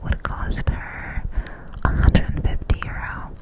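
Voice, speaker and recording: A person telling a casual story in an ASMR ramble, in a close-up cupped-hand whisper right at the mic. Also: takes it slowly. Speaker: ASMR creator.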